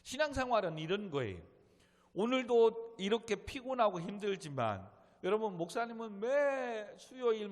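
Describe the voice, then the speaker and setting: A middle-aged man preaching from the pulpit with a notably high voice. He presses his points hard and often climbs to loud, urgent exhortation. His words ring out with a long reverb through a church sanctuary. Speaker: pastor. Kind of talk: sermon.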